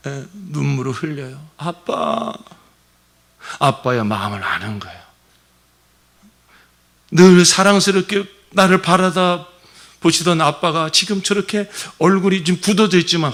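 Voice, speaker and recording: A male pastor delivering a Sunday sermon, swinging between raised, passionate preaching and soft, near-whispered asides. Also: fairly high pitch, gravelly. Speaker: senior pastor. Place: church sanctuary.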